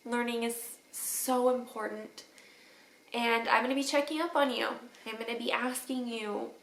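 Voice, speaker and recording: A woman teacher crying through a tender, halting video message to her students, with sniffles and teary laughs. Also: a little high, fairly even intonation, a bit bright, roomy sound, low-quality recording. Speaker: third grade teacher.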